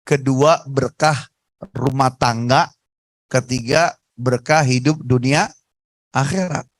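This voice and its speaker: A man preaching on a radio talk show, telling stories in a lively, emphatic way. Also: mid-range voice, no echo, poor audio. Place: radio studio.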